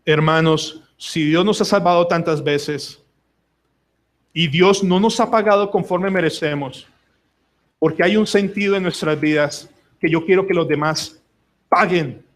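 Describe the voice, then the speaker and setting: A pastor delivers an emphatic sermon at a church service. His voice sits fairly high for a man. He slips into quoted voices and pleading prayers as he preaches. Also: a little slow. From Colombia.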